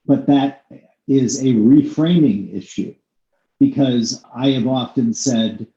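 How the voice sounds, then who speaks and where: A podcast host with a mellow, darker voice, talking through ideas in long, winding stretches and leaning hard on points he cares about. He sounds a bit muffled in a room with plenty of echo. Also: mid-range voice, takes it slowly. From United States. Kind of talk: conversational interview. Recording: echoey room, slightly dull sound.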